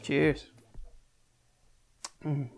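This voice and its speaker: A man's voice: drawn-out words, music in the background. A young adult man giving a casual, chatty beer review, talking loosely with frequent restarts and casual swearing.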